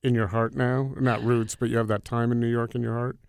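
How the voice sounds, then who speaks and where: A man's voice: mid-range voice, flat delivery, fairly quick, gravelly, darkish tone, clean tone, no room sound, clean studio sound. A man from Connecticut hosting a food podcast, asking long rambling questions with many restarts. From Connecticut, United States. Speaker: podcast host, interviewer. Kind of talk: casual interview conversation.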